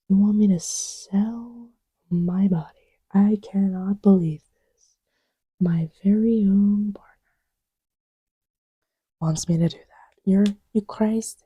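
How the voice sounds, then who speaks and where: In a muffled recording with no room sound, a slightly rough, medium-pitched female voice plays the listener's partner. This audio roleplay creator rambles and teases in an intimate, casual chat as she tests markers, frequently dropping almost to a whisper, like someone right next to her partner.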